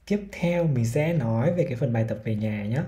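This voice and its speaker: A man with a Vietnamese accent giving a casual pronunciation lesson, slowly demonstrating sounds and repeating example words. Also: medium pitch, lively intonation, mellow. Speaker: English pronunciation teacher.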